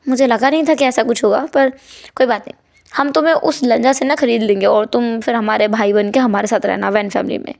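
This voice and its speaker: A woman voicing a young man who is a sympathetic friend, speaking in a calm, consoling way. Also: fairly high pitch, a little fast, creaky.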